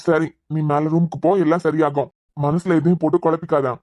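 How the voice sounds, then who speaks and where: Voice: medium pitch, little pitch movement, fairly quick, mellow, no room sound, studio quality, natural voice. A voice artist playing an elderly grandfather in a cartoon serial who soothes the family and demands respect, with a Kanyakumari Tamil accent. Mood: soothing. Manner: soothing, then indignant about respect. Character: stern, calming old grandfather.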